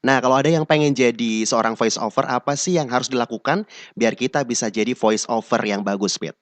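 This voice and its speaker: A man hosting a casual interview, asking questions in a relaxed way. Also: mid-range voice, brisk. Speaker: host.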